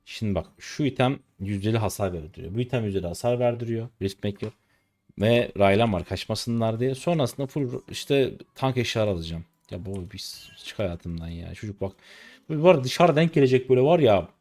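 A man's voice: mid-range voice, animated, a little fast, darkish tone. A man in his twenties streaming a game live, ranting at his teammates in an irritated, cursing way. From Turkey. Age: 20s. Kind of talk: live gameplay commentary.

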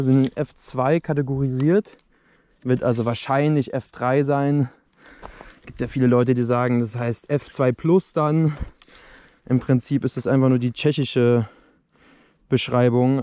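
A man's voice: mid-range voice, dark tone. A young man talking casually to his viewers while reviewing fireworks outdoors at dusk, recorded on an action camera. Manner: chatty, addresses viewers directly. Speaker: fireworks video host. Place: outdoors on open dirt ground at dusk.

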